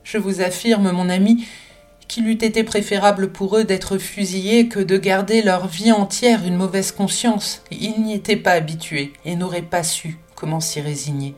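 A woman's voice: medium pitch, normal speed, darkish tone, soft background music, close to an everyday voice. A woman voicing a spirited, passionate French woman in an audiobook, talking emphatically and with many exclamations. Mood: fervent. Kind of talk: audiobook character reading.

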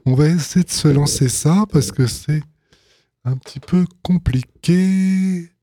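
A man's voice: on the high side, slow pace, warm tone, no room sound, clean studio sound. A man hosting a radio show, introducing songs in a hesitant, amused way. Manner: hesitant and amused, many fillers and restarts. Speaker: radio host presenting songs. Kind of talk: casual on-air commentary.

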